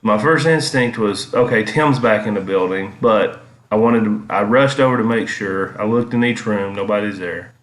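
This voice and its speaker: A man's voice: fairly low pitch, normal speed. A man giving casual, rambling commentary as he reminisces over his own vlog footage. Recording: echoey, roomy sound.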